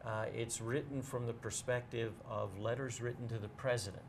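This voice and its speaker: In a casual interview with a noisy background, a man serving as a bookseller guest talks at a medium pitch with fairly even intonation. His explanations are measured, and he pauses to choose what to say.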